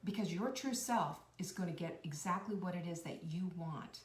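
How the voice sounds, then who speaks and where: Woman, motivational talk, earnest, encouraging, repeats phrases, high bursts and near-whispers, echoey room, slightly distant mic. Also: normal speed. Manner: animated, swinging between high bursts and soft near-whispers. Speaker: host of a cooking and life-tips channel. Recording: roomy echo, a bit far from the mic.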